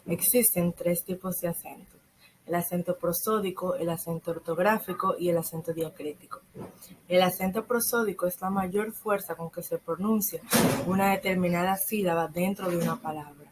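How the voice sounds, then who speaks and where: Teen girl reading her school grammar lesson, lowish voice, bit of faint room hiss behind. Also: steady tone. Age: teens. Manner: reads steadily from a script, slowing on examples. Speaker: secondary school student presenting. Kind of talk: read-aloud school lesson presentation.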